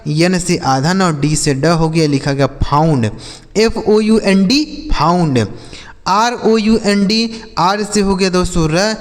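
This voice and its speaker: A man teaching English reading who spells words out letter by letter, sounds them slowly, and keeps quizzing his viewers, whom he calls friends. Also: high voice, big-room sound. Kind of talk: spoken phonics lesson.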